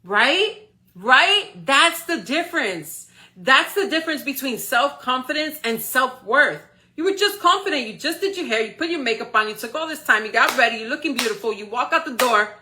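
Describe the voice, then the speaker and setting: A woman's voice: high-pitched, animated, moderate pace, bright, forceful tone. A woman in her forties giving an encouraging motivational talk on a live stream, often checking in with her listeners. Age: 40s. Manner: encouraging, checks in with frequent "okay?" and "right?". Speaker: motivational speaker.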